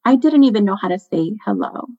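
A woman's voice: medium pitch, expressive, fairly quick, dark tone, slightly rough. A young woman from Guatemala, a budget coach, telling her story as a guest on a podcast interview, earnest and reflective. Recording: muffled lo-fi sound.

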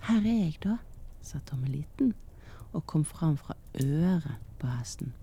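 A man reading a fairy tale aloud slowly and softly, often half-whispering. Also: mid-range voice, creaky, breathy edge. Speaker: storyteller. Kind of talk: slow whispered storytelling for relaxation.

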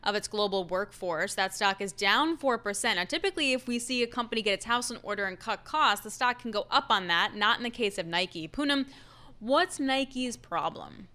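Woman anchor, bright and sharp, brisk playful intros. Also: mid-range voice, lively intonation. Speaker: co-host. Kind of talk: radio show hosting.

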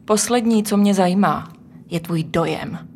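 An actress playing a sharp-tongued, exasperated female detective who scolds her colleague, in a radio drama. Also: medium pitch, a little hiss or hum, lightly acted. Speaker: police officer.

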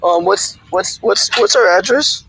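A man's voice: sits high, expressive, unhurried, gravelly, sharp tone. A man calling in over buzzy, glitchy call audio that keeps breaking up, chatting casually and stammering over his words. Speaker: caller. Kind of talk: casual chat. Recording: noisy breaking-up call line.

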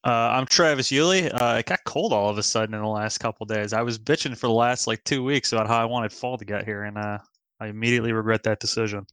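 A man's voice: on the low side, fast, a bit bright, clear, resonant tone. A man co-hosting a podcast, laid-back and casual, cursing offhandedly. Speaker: podcast co-host.

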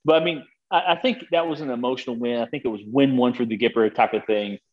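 A man's voice: medium pitch, fast, lo-fi sound. A man co-hosting a sports podcast, talking picks in casual, rambling chat, laughing often and swearing now and then.

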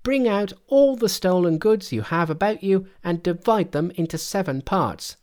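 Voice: mid-range voice, lively intonation, normal speed, darkish tone, pitched above the performer's own voice, close to an everyday voice. A storyteller voicing a brash, boastful monkey king turned priest, cocky and taunting in a storybook tale. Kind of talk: storybook character voice.

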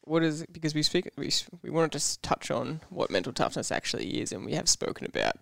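Podcast host guy, kinda high and gravelly, trips over his words asking questions. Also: animated, quick pace, a bit bright, dry recording, studio quality. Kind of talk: casual podcast interview.

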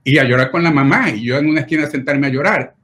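A man's voice: mid-range voice, fast, a bit bright. A middle-aged man, a pediatric doctor telling personal stories in an interview in an earnest, emotional way, often adding tag questions. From Puerto Rico. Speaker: pediatric nephrologist.

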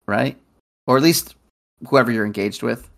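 A man's voice: mid-range voice, normal speed, gravelly. A man co-hosting a podcast in casual chat, dryly reading out card details. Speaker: podcast co-host.

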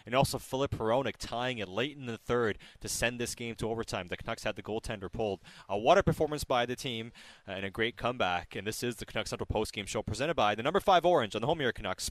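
Guy hosting sports radio post-game, talks fast, dry close studio sound. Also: mid-range voice, dry recording. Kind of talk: live sports talk radio.

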